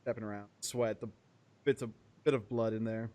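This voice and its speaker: A man's voice: lowish voice, fairly even intonation, a little fast, a little mellow. A man running a tabletop game as game master, narrating loosely with fillers and chuckles.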